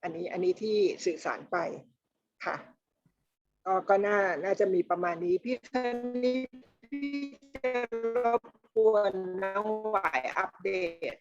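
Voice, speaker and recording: A woman's voice: mid-range voice, faint music behind. Chatty woman on a dull video call. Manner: chatty, enthusiastic, halting restarts. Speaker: meeting organizer. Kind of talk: casual meeting chat.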